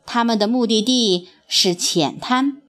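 A woman narrating a children's story in an expressive, sing-song storytelling manner. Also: fairly high pitch, a little slow.

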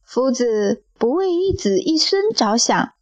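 A woman reading a playful young male disciple in an audio story, who mutters softly. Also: high-pitched, very animated, slow pace, no echo, lo-fi sound, voice pushed up, full character voice. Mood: musing. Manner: soft, muttering.

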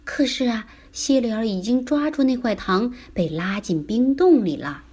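A woman reading a children's picture book aloud in a slow, expressive storytelling manner. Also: a little high.

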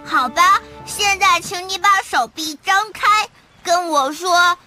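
A woman's voice: extremely high pitch, takes it slowly, over loud music. A woman voicing an eager, boastful baby crab in a children's cartoon, childlike and emphatic. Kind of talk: children's cartoon dub acting.

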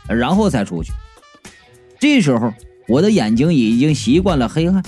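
A man narrating a story in a lively, expressive way. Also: on the high side.

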